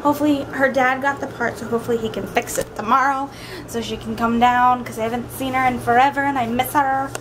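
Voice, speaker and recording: A woman's voice: fairly high pitch, steady tone. A young woman vlogging casually at home in an informal, rambling way, full of "like" and "kinda". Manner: informal, drawn-out asides with frequent "like" and "kinda". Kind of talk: casual daily vlog chat. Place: at home, indoors. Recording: clear background noise, home ambience.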